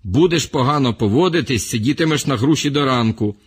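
A man's voice: medium pitch, animated, fairly quick, slightly rough, voice pushed up. A man voicing a mocking cocky ex-sailor. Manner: dry mocking commands.

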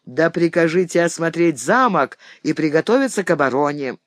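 A man's voice: a little high, expressive, normal speed, fairly bright tone, no room sound. A man voicing a boastful, hot-headed knight who blusters at his host in a read-aloud novel. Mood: blustering.

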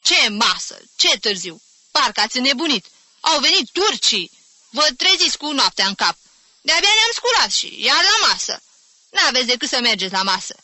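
Woman doing a bossy old matron, scolding loudly, high and bright, storybook reading. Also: sing-song, no room sound, heavily acted. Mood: grumbling. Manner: shouting, scolding, indignant. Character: grumpy bossy old woman, thunders from her room.

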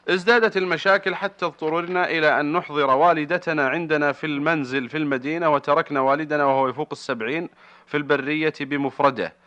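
A male radio host speaks formal Standard Arabic at a very quick pace. His voice is bright and forceful as he reads listeners' letters, on a slightly dull broadcast recording. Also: on the high side.

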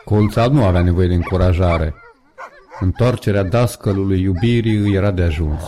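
A man with a husky voice reading a story aloud, measured and steady, giving the characters' lines a little colour. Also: deep voice, slight background noise. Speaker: audiobook narrator. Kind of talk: scripted narration.

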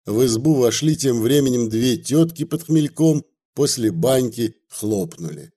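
A man narrating a story aloud with a lively, expressive reading. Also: mid-range voice, a little slow.

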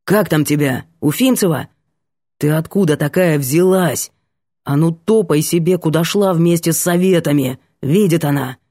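A woman reading an audiobook, voicing a rude, gruff young male student who talks brusquely and threatens. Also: low-pitched, normal speed, mellow, dry recording, clean studio sound, voice pushed down. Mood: angry.

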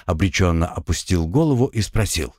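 A man narrating a fiction audiobook with expressive storytelling. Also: low-pitched, brisk, no room sound, studio quality. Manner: expressive storytelling with acted dialogue.

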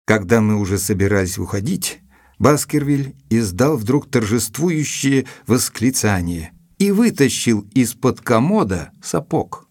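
An actor playing a gentlemanly doctor who narrates a detective memoir in a composed, literate way. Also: male voice, medium pitch, big pitch swings, a little slow. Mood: reflective. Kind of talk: scripted dramatic narration. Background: music.

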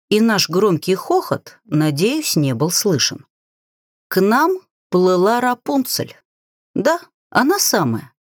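Woman narrating with animated, lively pitch. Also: dry recording, studio quality. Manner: animated, playful storytelling. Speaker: audiobook narrator. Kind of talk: first-person storybook narration.

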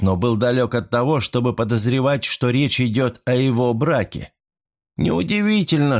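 A man's voice: mid-range voice, voice pushed up, close to an everyday voice. A man voicing a stern male detective who speaks in clipped, emphatic sentences in an audiobook.

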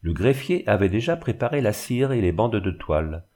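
A man reading a classic novel aloud in a steady, literary narration. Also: lowish voice, moderate pace. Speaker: audiobook narrator. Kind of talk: scripted narration.

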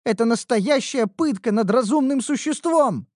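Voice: medium pitch, expressive, normal speed, a little mellow, dry recording, studio quality, voice pushed up, lightly acted. A narrator voicing a whiny young female red elf apprentice who complains and pleads dramatically in an audiobook. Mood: pleading. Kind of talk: audiobook character voice.

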